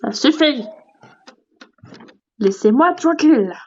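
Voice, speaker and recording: A woman's voice: sits high, expressive, slow pace, darkish tone, highs cut off, a little hiss or hum. A woman voicing an ancient, indignant female tortoise in a toy role-play on a livestream. She huffs and demands respect. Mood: huffy. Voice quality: huffy and pompous, keeps demanding respect.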